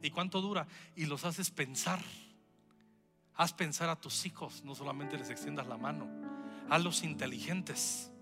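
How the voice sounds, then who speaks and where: A man preaching a lively sermon to his congregation. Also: fairly high pitch, a little slow, music in the background. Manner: lively preaching with acted-out quotes. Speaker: pastor.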